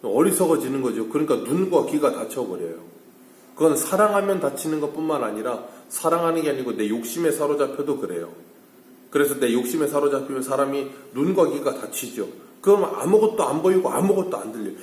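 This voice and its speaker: A man's voice: mid-range voice, expressive, a little fast, darkish tone, reverberant. A man preaching at an early-morning church service. He asks the congregation questions and then answers them himself. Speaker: pastor. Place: church sanctuary.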